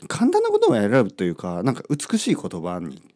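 A man's voice: lowish voice, huge pitch swings, fairly quick, mellow. A middle-aged man hosting a podcast, talking casually and rambling with frequent self-interruptions. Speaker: podcast host. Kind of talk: casual monologue about Japanese language.

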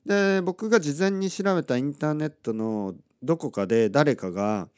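A man's voice: fairly high pitch, moderate pace, darkish tone, clear, resonant tone. A man telling a personal story in a casual monologue, acting out the lines people said to him. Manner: chatty, acts out quoted lines in other voices; laughs often between remarks.

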